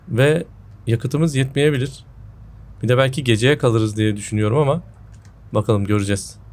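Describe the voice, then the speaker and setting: A man's voice: medium pitch, a little mellow. A man gives casual gameplay commentary indoors on a headset mic, his voice a little off from a sore throat. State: sick with a sore throat, voice a bit off. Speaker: gaming video host. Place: indoor room at home.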